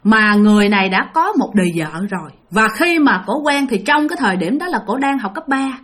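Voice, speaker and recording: A woman's voice: on the high side, a little fast. A woman telling a ghost story, speaking directly to her listeners. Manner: animated, addresses listeners directly.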